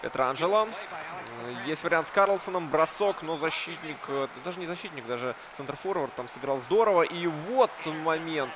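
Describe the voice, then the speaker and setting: A man's voice: fairly high pitch, animated, moderate pace. A man giving live play-by-play commentary on an esports hockey match, often hesitating between phrases. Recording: crowd noise behind. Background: crowd noise.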